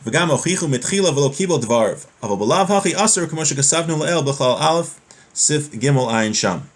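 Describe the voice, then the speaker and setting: A man teaches an explanatory class on religious law, reading passages from a text aloud and then explaining them. His delivery is didactic, repeating and rephrasing points with examples, and his voice is on the high side with lively intonation at a fairly quick pace.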